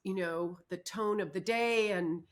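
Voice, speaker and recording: A woman's voice: mid-range voice, a little slow. A woman co-hosting a casual chat, speaking candidly from her own experience. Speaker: co-host.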